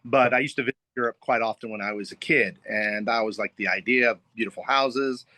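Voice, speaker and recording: A man's voice: medium pitch, fast talker, bright, forceful tone, no echo. A middle-aged man, a real estate agent, explaining at ease with fillers as a podcast guest. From United States. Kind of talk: podcast interview.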